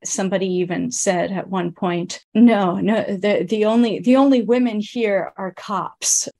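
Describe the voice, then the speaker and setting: A woman's voice: fairly low pitch, darkish tone. Woman with a distorted, disguised voice. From United States. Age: late 30s. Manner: halting, with restarts and fillers. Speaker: interviewee. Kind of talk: candid personal testimony.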